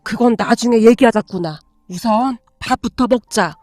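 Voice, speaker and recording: Woman voicing a gentle, sorrowful stepmother. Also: on the high side, normal speed, no room sound, clean studio sound, faint music behind, lightly acted. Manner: soft, soothing.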